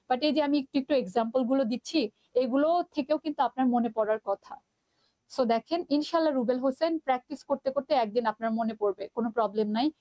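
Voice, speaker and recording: High-voiced Bangladeshi woman teaching live. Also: dark tone, dry recording. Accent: Bangladeshi Bengali. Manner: chatty, mixes English terms, reads out student comments. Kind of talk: live online class.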